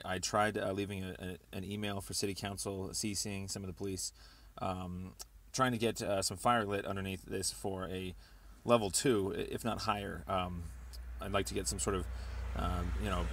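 On a recorded phone call, a man leaves a rambling voicemail, hesitant and halting yet insistent. His voice is low with a fairly bright tone.

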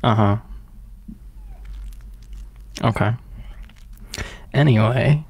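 A man's voice: medium pitch, extremely slow, a little mellow, husky. A man of twenty-three from Michigan, chatting on a livestream in a laid-back, agreeable and amused way, recorded indoors on a phone. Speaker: livestream guest. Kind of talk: casual livestream chat. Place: room indoors.

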